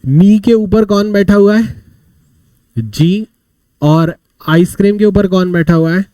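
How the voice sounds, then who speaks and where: Animated male teacher. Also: high voice, slow, no echo. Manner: animated storytelling with mnemonics, asking and answering his own questions. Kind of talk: live online vocabulary class.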